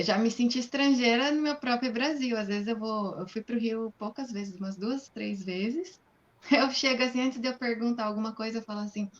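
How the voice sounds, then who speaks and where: Woman from Brazil, higher voice, animated storyteller, lo-fi call sound. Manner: lively storyteller, acts out quoted voices. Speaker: guest. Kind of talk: live interview, personal stories.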